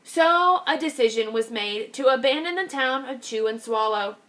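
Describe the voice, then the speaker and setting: Reading a picture book to her class, a kindergarten teacher uses an expressive style with a voice that sits high. She eases her pace whenever she wants to emphasize important phrases.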